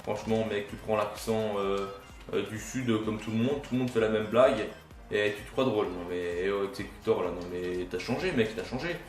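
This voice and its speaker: Recorded off-mic in a roomy space with faint game music, a young man offers casual, rambling gameplay commentary for his gaming YouTube channel, self-mocking and swearing now and then. His voice is fairly low and a little fast, heard through a distant mic.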